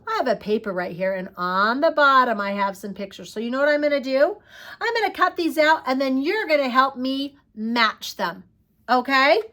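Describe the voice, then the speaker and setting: A woman teaching preschoolers, talking slowly in a coaxing, sing-song way as she asks questions and praises answers. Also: high-pitched, lively intonation, sharp tone. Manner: slow, sing-song, coaxing talk to small children. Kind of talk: children's lesson.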